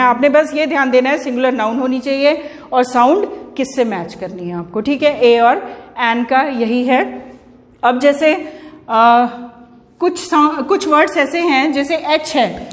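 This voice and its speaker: A woman's voice: high voice, in a large hall. A woman teacher giving an English grammar lesson, asking questions and answering them herself.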